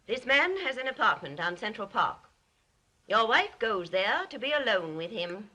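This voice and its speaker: An actress playing a domineering, coldly scheming wealthy older sister in a 1930s film melodrama, with an imperious, clipped, insinuating manner. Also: female voice, fairly high pitch, big pitch swings, normal speed, bright, forceful tone, full character voice. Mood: sly, cutting.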